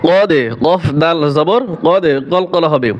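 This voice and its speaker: A man teaching recitation, unwell with a sore throat and cough, who alternates brief explanations with slow, drawn-out chanted verses. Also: fairly high pitch, a little hiss or hum. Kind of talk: tajweed lesson with slow recitation. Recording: dull lo-fi recording.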